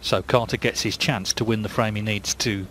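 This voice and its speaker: Lowish male voice, quiet snooker commentary, chatty but measured, some noise behind. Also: fairly even intonation.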